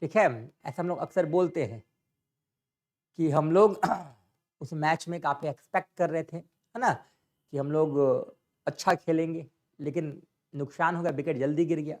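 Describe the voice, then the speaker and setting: A man's voice: fairly high pitch, unhurried, pauses often. A man teaching English grammar in a classroom style, often asking a question and answering it himself. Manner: repetitive, asks and answers own questions. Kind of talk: classroom explanation.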